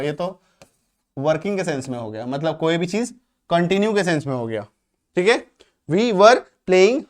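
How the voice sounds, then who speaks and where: A man from India teaching English grammar, explaining step by step, slowing down for example sentences and often checking that students follow. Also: sits high. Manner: slows right down when reading out English examples. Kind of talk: grammar lesson.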